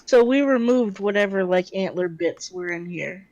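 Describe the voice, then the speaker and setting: A woman's voice: mid-range voice, normal speed, a little mellow, no echo, lo-fi sound. A woman playing a tabletop role-playing game, chatting casually with a dry, sardonic manner.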